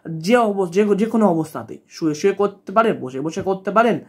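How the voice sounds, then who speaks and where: A man with a notably high voice talks through devotional advice in an earnest, reassuring way. He circles back and repeats key points, restarting phrases as he goes. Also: expressive, brisk, a little mellow, husky. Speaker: spiritual channel host.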